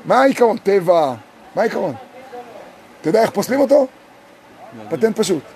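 A male rabbi teaching a group in a sukkah. He tells a story, chants verses slowly and keeps asking his listeners questions. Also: sits high, animated, darkish tone.

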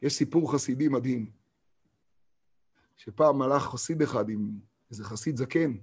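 A man giving a Torah lesson. He reads verses slowly and talks emphatically, asking rhetorical questions. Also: mid-range voice, darkish tone, husky. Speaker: Torah teacher.

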